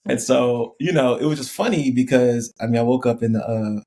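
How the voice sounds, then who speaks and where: A man's voice: mid-range voice, fairly quick, a little hiss or hum. A man in middle age telling a laid-back, laughing story as a podcast guest, with a lot of casual fillers. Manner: relaxed, laughing, lots of "like" fillers. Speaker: podcast guest, former college football player.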